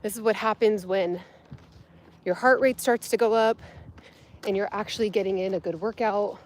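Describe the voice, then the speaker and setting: A woman's voice: mid-range voice, moderate pace, darkish tone, a little hiss or hum. A woman fitness vlogger chatting casually with live viewers while climbing a steep hill outdoors, breathing hard and full of fillers. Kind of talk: casual livestream chat while hiking.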